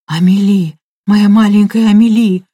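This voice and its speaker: A woman reading the lines of a grim, obsessive grieving mother who speaks hoarsely and fiercely, in an audiobook. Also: mid-range voice, fairly even intonation, unhurried, warm tone, dry recording, studio quality. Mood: frenzied.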